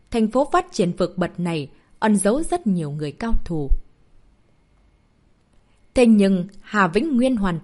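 A woman narrating a martial arts story as an audiobook, reading in an expressive storytelling manner. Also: medium pitch.

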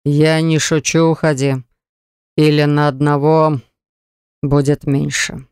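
A man's voice: on the high side, flat delivery, slow pace, darkish tone, clear, resonant tone, no echo, studio quality. A reader voicing a cold, commanding male mage lord in an audiobook, speaking in a curt, icy, authoritative way. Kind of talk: audiobook character voice.

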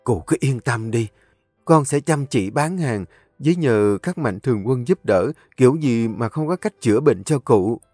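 A man's voice: medium pitch, expressive, normal speed, darkish tone, no echo, faint music behind, lightly acted. A man voicing a determined, tender young woman from the countryside, talking in an emotional, pleading way. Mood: resolute.

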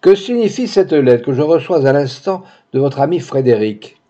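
A man's voice: a little high, lively intonation, moderate pace, dark tone, pitched above the performer's own voice. A man voicing an older male doctor, furious and grieving, who breaks into angry, exclamatory outbursts, on a dull lo-fi recording.

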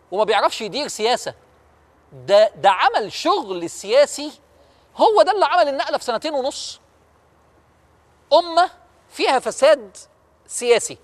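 A man with an Egyptian Arabic accent, preaching and telling a story in a fervent way, firing rhetorical questions at his listeners. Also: very high-pitched. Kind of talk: storytelling religious talk. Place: historic mosque-like building.

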